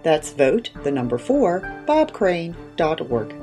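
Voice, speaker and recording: A woman reading podcast credits in a measured, formal way. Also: lowish voice, big pitch swings, mellow, faint music behind. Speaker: podcast announcer.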